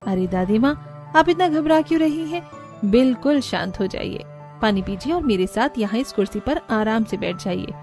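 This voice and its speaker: A woman's voice: fairly high pitch, lively intonation, moderate pace, a little mellow, soft background music. A woman voicing a kind, modest young woman in a cartoon, polite and caring. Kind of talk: cartoon voice acting.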